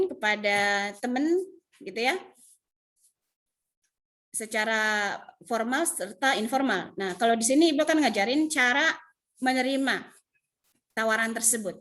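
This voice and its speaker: In an online class held from home over a video call, a woman from Indonesia teaches English with an Indonesian accent. Her voice is on the high side and a bit bright, at normal speed with frequent pauses, as she patiently repeats English phrases and explains them.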